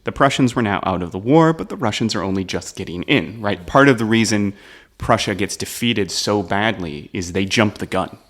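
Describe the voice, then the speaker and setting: A man's voice: lowish voice, lively intonation, moderate pace, fairly bright tone. A man telling a history story on a comedy podcast, casual, often checking in with "right?". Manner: explains with "right?" asides, laughs at the jokes.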